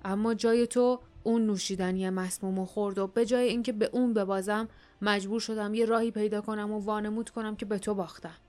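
A woman reading the lines of a gruff, secretive rebel man who talks in a dry, curt way. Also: medium pitch, steady tone, darkish tone, close to an everyday voice.

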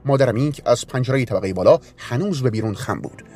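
A man reading a story aloud in a calm, measured way. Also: medium pitch. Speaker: narrator. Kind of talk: audiobook narration. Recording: narration with faint music bed.

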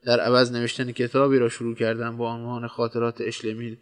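A man's voice: medium pitch, completely flat delivery, smooth. A man narrating a humorous short story aloud in a wry storytelling manner.

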